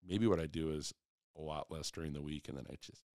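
A man's voice: extremely low pitch, fairly even intonation, quick pace, darkish tone, no room sound, clean studio sound. A man in his forties talking candidly and reflectively in a casual chat, with a rambling way of talking.

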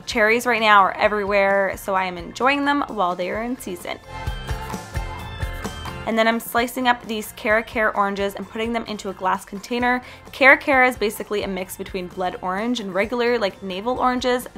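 A woman's voice: mid-range voice, fairly bright tone. A young woman from Canada narrating her food vlog in a casual, upbeat voice-over, chatting and recommending foods directly. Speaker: healthy food vlogger. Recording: faint music behind voice.

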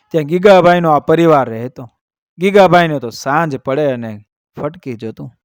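A man narrating an emotional village story in a measured, earnest storytelling manner. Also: mid-range voice, darkish tone, no room sound, clean studio sound.

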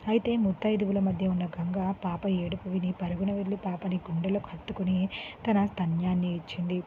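A woman narrating a dramatic story in a steady, earnest reading voice. The sound is tinny and phone-like with a faint hiss. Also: lowish voice, brisk. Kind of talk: scripted narration.

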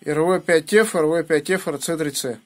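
A man talks casually on amateur radio, using call signs, in a voice on the high side at a moderate pace with slight background noise. The clip was made indoors on a phone held near the radio, in a small room at a home radio station.

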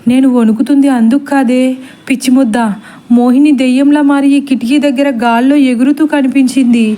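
A woman's voice: high-pitched, steady tone, normal speed, warm tone, voice pushed up, natural voice. A woman voicing a frightened older grandmother who scolds her maid in a panicky way.

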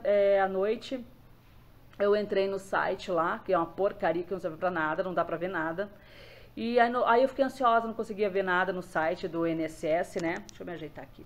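A woman from Brazil telling viewers about her own experience in a casual, chatty way, often repeating herself and calling them "gente". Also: on the low side. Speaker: vlogger sharing her experience. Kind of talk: casual personal account to viewers.

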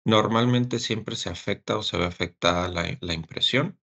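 A man presenting a technical webinar as a service engineer, speaking haltingly with fillers and repeated words over a webcam. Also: lowish voice, gravelly, fairly bright tone, breathy edge, muffled recording.

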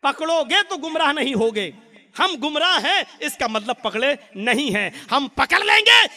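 Male preacher, very high bright voice, fiery sermon delivery. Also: very animated, unhurried. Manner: impassioned, rising to shouts.

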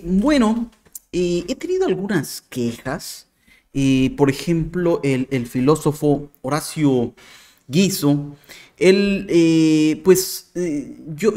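A man's voice: fairly high pitch, mellow. A man giving sarcastic, argumentative commentary to camera as a video commentator. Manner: sarcastic, mocking.

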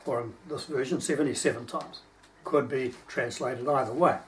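A man's voice: medium pitch, normal speed, slight background noise. A man preaching a sermon, reading scripture aloud and stopping to explain verses in an earnest teaching manner. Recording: distant microphone.

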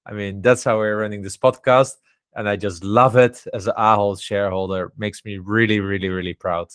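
Chatty low-voiced man co-hosting. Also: steady tone, normal speed, fairly bright tone, clear, resonant tone, dry recording. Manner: chatty, leans on "you know" and "I mean". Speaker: podcast co-host. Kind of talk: casual investing chat.

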